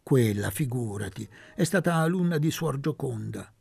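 A man voicing a crude, mocking young man who teases his friends loudly. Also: mid-range voice, animated, normal speed, vocal fry, husky, dry recording, heavily acted. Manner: sneering, boisterous.

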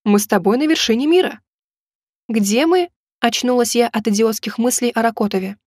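A woman's voice: on the high side, quick pace, darkish tone, no echo, studio quality. A young woman narrating a first-person audiobook in a wry, ironic way.

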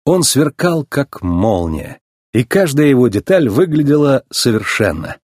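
A man narrating a children's storybook in an expressive, animated reading. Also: mid-range voice, unhurried, no echo, clean studio sound.

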